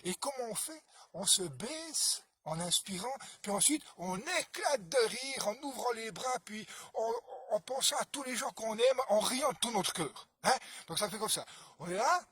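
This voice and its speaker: A man telling a folk tale as a storyteller, speaking expressively and swinging from hushed passages to loud ones. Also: sits high, animated, a little slow, slightly rough, no echo.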